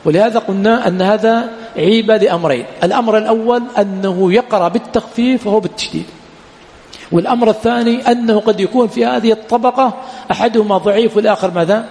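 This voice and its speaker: A man teaching a classroom lecture on hadith sciences, repeatedly pausing to quiz his students on the next word. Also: high voice, a little mellow, long reverb tail. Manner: quizzes students with repeated "what?" prompts. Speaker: Islamic studies teacher. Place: lecture hall at a study center.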